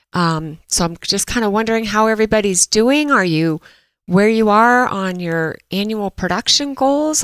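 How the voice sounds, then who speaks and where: A woman hosts a dental marketing podcast, chatting casually in a lowish, fairly bright, smooth voice that's a little stuffy from allergies. She uses frequent fillers and restarts, and the recording sounds both dry and rough.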